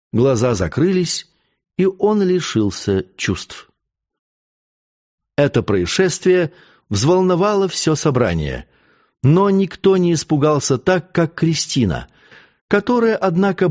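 A man narrating an audiobook in an expressive, theatrical reading. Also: a little high. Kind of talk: audiobook narration of a historical novel.

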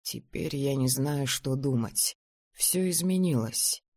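A reader voicing a tired, tender young man, speaking quietly and slowly in an audiobook, recorded close and dry. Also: mid-range voice, expressive, no echo. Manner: quiet, slow and heartfelt. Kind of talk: audiobook reading.

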